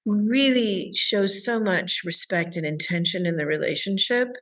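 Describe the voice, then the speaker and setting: A woman's voice: mid-range voice, animated, measured pace, fairly bright tone. A woman relationship coach, a guest in an interview, answering with enthusiasm and acting out the voices of her clients.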